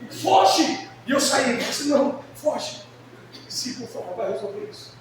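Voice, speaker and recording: A middle-aged man preaching a sermon, telling a lively story about his family, swinging between shouted peaks and hushed asides. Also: very high voice, normal speed, noisy background. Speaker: pastor. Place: church hall. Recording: echoey church sound from far off.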